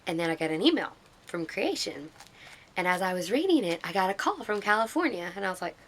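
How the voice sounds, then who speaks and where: A woman vlogger telling an excited, rambling story in a casual way. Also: mid-range voice, brisk, a little hiss or hum.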